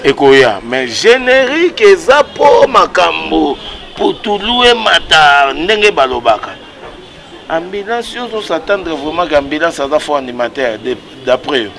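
Standing outdoors by a wall, a Congolese-accented man in his thirties talks animatedly in a casual interview, using his hands and switching between Lingala and French. He speaks at a measured pace in a gravelly, higher-leaning voice, and crowd noise can be heard.

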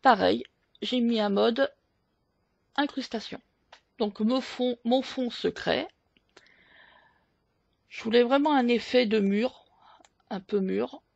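A woman with a fairly high, gravelly and husky voice walks through a photo editing tutorial. She talks slowly and hesitantly, full of fillers. The recording is dull and lo-fi, with a dry close mic. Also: a little mellow, no echo. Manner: slow, hesitant step-by-step explaining with many fillers. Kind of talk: screen-recorded software tutorial.

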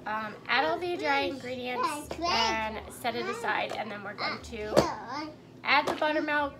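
High-voiced young woman, chatty home baker. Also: animated, unhurried. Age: young adult. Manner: chatty, informal. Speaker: home baking vlogger. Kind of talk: casual cooking demonstration. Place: home kitchen. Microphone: camera a step or two away. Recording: noisy kitchen, clattering clicks.

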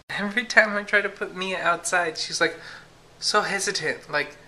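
Holding her camera at arm's length, a young woman giggles and talks casually through a nighttime home vlog, starting in the kitchen and ending up in the living room. She speaks at a normal speed in a fairly low, pushed, bright voice, filling her chatter with lots of fillers.

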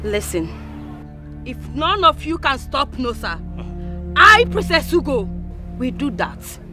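An actress playing a proud, outspoken princess confronting an elder. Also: female voice, sits high, big pitch swings, slow, full character voice. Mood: defiant. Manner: confrontational, accusing. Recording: film audio with loud music bed.

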